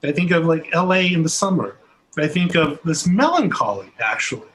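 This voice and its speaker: A middle-aged man from Southern California, speaking with a Californian American accent, casually moderates a panel over a video call from a room at home. His voice is a little high and a bit bright, sing-song, at a moderate pace, and the call carries noisy room sound.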